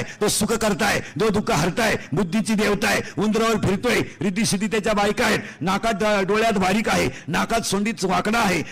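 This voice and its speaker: A man with a Marathi accent preaching a comic devotional sermon in a pavilion, loudly quizzing his listeners. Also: high-pitched, gravelly. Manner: loud, quizzing the audience, singsong mimicry. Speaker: kirtan preacher. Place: outdoor pavilion before a crowd. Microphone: stage microphone.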